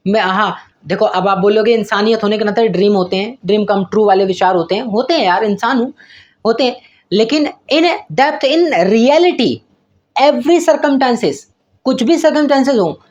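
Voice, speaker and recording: A man's voice: high voice, normal speed, dull audio. A man giving casual career advice to his viewers in a raw, unedited video, joking, slangy, and calling them brother. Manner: self-deprecating, rambling with restarts. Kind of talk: casual motivational talk to camera.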